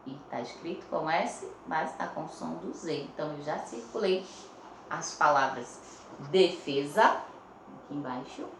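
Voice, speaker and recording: Recorded on a phone with reverb and slight background noise, this woman has a low, animated, somewhat bright voice and a Brazilian Portuguese accent. She teaches young pupils a lesson, slowly sounding out words one syllable at a time and frequently checking in with them.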